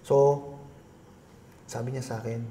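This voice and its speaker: A man's voice: mid-range voice, level tone, measured pace, warm tone, reverberant, a little hiss or hum. A middle-aged man, a guest being interviewed, telling a long personal story in a polite, rambling way with many restarts. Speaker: guest, agribusiness consultant.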